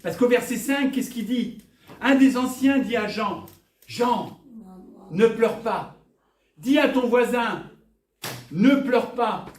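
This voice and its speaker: Preacher, man, high voice, heard from far off in a reverberant church hall; lively, rhetorical delivery. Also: slow, pauses often, slight background noise. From northern France. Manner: lively, rhetorical questions, jokes with the congregation. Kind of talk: sermon. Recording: echoey church hall, from afar.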